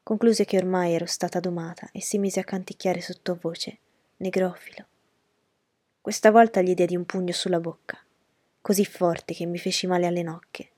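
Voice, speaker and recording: A woman narrating a novel in a measured, storytelling way. Her voice sits somewhat low. The sound is dry and close. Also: level tone, warm tone, no echo. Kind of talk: audiobook reading of a novel.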